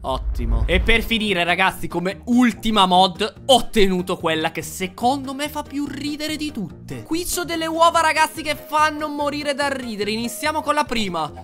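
A man giving excited gameplay commentary as a gaming YouTuber, swinging between loud exclamations and low mutters. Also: normal speed, hardly any pauses, faint music behind.

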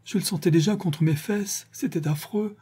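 A man's voice: on the high side, lively intonation, moderate pace, dark tone, husky, pitched above the performer's own voice. Man voicing a tearful young servant woman. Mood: distraught. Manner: rising, pleading delivery. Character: young woman servant confessing a killing, distraught.

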